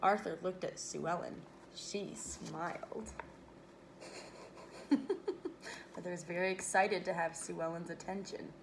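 A woman reading a children's picture book aloud, expressive, breaking off for playful asides to her listeners. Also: on the low side, a little slow, vocal fry, long pauses, noisy background. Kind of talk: read-aloud storytelling.

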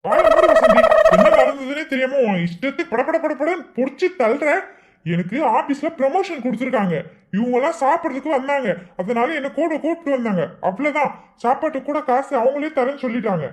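A man's voice: very high voice, animated, brisk. A man playing an exasperated husband who scolds his wife impatiently in a comedy skit. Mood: scolding. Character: exasperated husband, stern and embarrassed. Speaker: comic actor in a skit.

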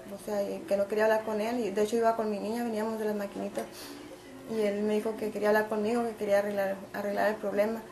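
A young woman, giving a hesitant account of her arrest and often repeating words. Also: medium pitch. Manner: halting, flat, repeats words. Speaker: interviewee, detained woman. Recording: background noise.

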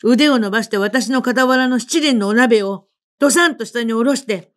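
Woman reading a literary story aloud. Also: a little high. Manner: measured, first-person narration. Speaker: reader.

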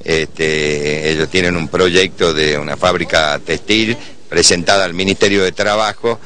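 Deep, bright-voiced middle-aged Argentine man. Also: fairly even intonation, a little slow. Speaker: municipal official answering reporters. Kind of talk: press interview answers. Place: outdoors on a city street. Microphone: reporters' handheld microphones held close.

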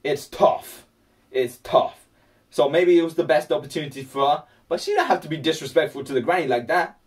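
A man's voice: a little high, lively intonation, fairly quick, recorded from a distance. A man vlogging casually while he paints, rambling and talking to himself.

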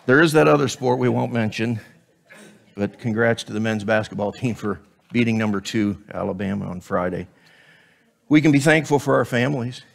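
Standing at the pulpit on a church stage, a scratchy-voiced guest preacher gives a sermon through a headset microphone. His mid-range voice has vocal fry and moves at a moderate pace, and he mixes scripture with casual, joking asides.

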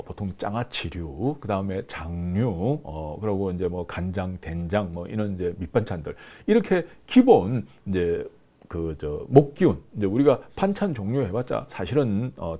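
A man's voice: fairly low pitch, very animated, moderate pace, mellow. A man in his fifties giving a lecture to camera in a small studio on a lapel mic, explaining with many fillers and hand gestures. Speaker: business course instructor. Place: small indoor studio with screen backdrop.

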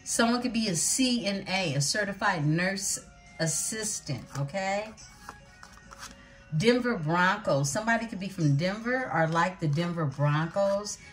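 A woman giving a tarot reading, calling out names and signs in an unhurried way and calling her viewers beautiful ones. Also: mid-range voice, animated, soft background music. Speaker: tarot reader.

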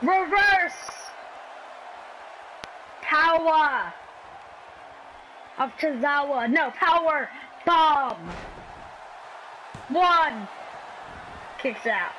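A woman casually commentating on a wrestling video game as she plays, calling the action in an excitable, scrappy way. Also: high-pitched, drawn-out words, pauses often, a little hiss or hum, rough recording.

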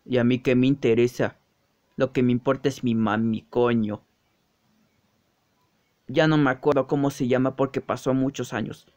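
A man voicing a gruff, sulky grown man who keeps waiting for his mommy. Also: mid-range voice, steady tone, normal speed, long pauses, a little mellow, highs cut off, pitched below the performer's own voice, natural voice. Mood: grumpy.

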